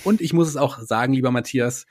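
Podcast host, husky voice, quick and animated, chatty interviewer. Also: male voice, mid-range voice. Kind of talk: casual interview. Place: small home recording studio.

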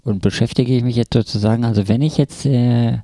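A man's voice: mid-range voice, fairly even intonation, brisk, dark tone, no room sound. A man asking a coach a question, hesitant and searching for words. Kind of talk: conversational question.

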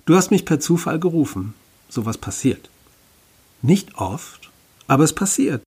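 A man voicing an ancient, winged, three-headed beast that speaks in a dry, mocking, unhurried way, with a husky voice. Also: a little high, sing-song, a little mellow, pitched above the performer's own voice, heavily acted. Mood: musing.

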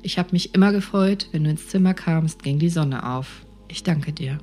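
A woman voicing a gravely ill older man who speaks softly, calmly and seriously. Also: fairly high pitch, normal speed, soft background music, close to an everyday voice. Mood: gentle. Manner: soft, calm and serious.

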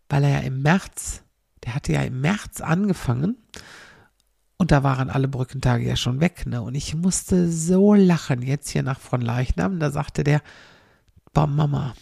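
A woman's voice: deep voice, unhurried, vocal fry, warm tone, dry recording, clean studio sound. A middle-aged woman telling rambling comic stories and tagging nearly every sentence with a questioning "ne". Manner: chatty, tags almost every sentence with a questioning "ne". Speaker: comic storyteller.

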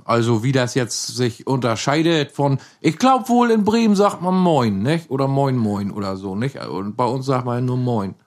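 A man's voice: medium pitch, lively intonation, moderate pace, hardly any pauses. A man from Hamburg with a Hamburg accent, rambling folksily through casual comedic banter and tagging his sentences with "ne?". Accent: Hamburg German. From Hamburg, Germany.

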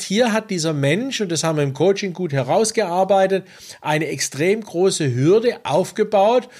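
A man working as a coach, giving a measured, deliberate interview answer with occasional hesitations. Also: on the high side.

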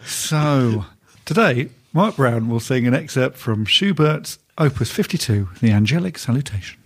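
A man hosting a comedy podcast in a studio, reeling off absurd lists in a playful, deadpan way. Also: medium pitch, normal speed, breathy edge. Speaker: podcast host. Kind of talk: anarchic comedy chat.

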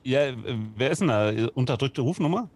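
A man's voice: medium pitch, lively intonation, fairly quick, slightly rough. A man co-hosting a podcast, telling hesitant, rambling anecdotes. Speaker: podcast co-host. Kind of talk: casual banter.

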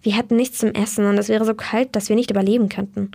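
A woman's voice: medium pitch, flat delivery, fast talker, creaky, mellow, husky. A young woman voicing a blunt, cheerful teenage girl in a read-aloud story. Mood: frank. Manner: frank, upbeat.

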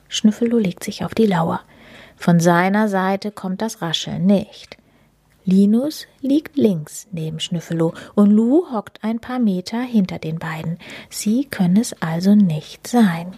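A woman narrating a children's story in a whispered role-play style, soft and hushed. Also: medium pitch, takes it slowly, slightly rough, dry recording.

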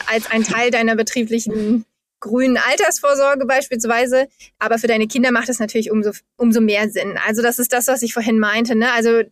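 A woman in her thirties speaks as an interview guest, with a voice sitting a bit high. She walks through figures in a steady, orderly way, and her enthusiasm shows through. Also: dry recording. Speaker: guest, founder of a forest project. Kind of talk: interview answers.

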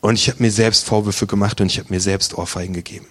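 A man's voice: lowish voice, fairly even intonation, quick pace. A man preaching, telling his own faith story earnestly and intimately, at times dropping to a near whisper. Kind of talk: testimony sermon.

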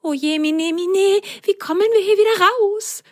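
A woman playing an excitable little girl sock. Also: measured pace. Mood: worried. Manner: high, eager, whispery.

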